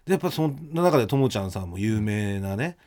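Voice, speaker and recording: Lively fast-talking man co-host. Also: lowish voice. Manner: animated storytelling, acts out quoted lines. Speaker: radio comedy duo co-host. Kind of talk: casual after-show chat.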